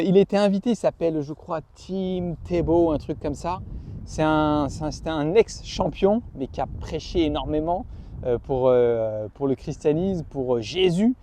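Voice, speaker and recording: Middle-aged french guy vlogging outside in the sun, high voice that jumps all over, chatty. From France. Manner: animated, chatty storytelling with many restarts. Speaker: family vlogger. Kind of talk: casual vlog to camera. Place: outdoors in bright sun.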